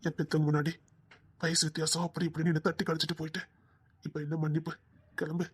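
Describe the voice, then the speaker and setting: A man with a Tirunelveli Tamil accent playing an older man on duty, a gruff yet tender lover who stammers. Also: a little high, little pitch movement, fast talker. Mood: cold, curt. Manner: stammers, turns from cold to tender. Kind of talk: romantic short-drama acting.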